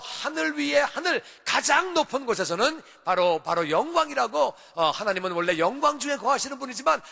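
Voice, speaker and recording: A man's voice: very high-pitched, gravelly, bright, forceful tone, in a large hall. A male pastor preaching a sermon in an emphatic, repetitive way, pressing his points again and again with rising calls. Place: church sanctuary.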